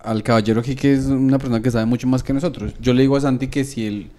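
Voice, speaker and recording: A man's voice: mid-range voice, fairly even intonation, rapid-fire, warm tone. A man hosting a casual interview, joking and using informal slang. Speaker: podcast host.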